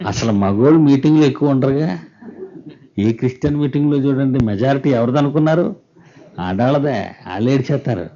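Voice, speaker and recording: Preaching man with a mellow voice. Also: mid-range voice, expressive, highs cut off. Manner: preaching with frequent rhetorical questions to the congregation; reads scripture slowly and emphatically, mocks false preachers. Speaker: pastor. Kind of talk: sermon.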